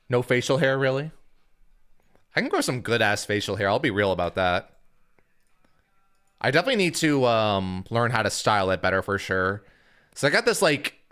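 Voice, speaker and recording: A young man talks casually to his live-stream viewers in a smooth, medium-pitched voice. He rambles loosely and relaxedly, peppering his speech with lots of "like" fillers.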